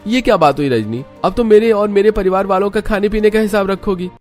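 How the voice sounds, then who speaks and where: A man's voice: sits high, a little fast, faint music behind, voice pushed up, natural voice. A man doing a coaxing young cartoon husband. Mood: annoyed.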